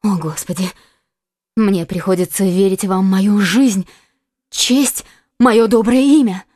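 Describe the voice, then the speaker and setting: A frightened young queen pleads in a high, trembling falsetto, as a male reader puts her on. The voice rises well above a man's usual pitch and pushes loudly. It sounds close and dry, with no room around it. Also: steady tone, slow, no echo. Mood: anxious. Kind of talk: audiobook character voice.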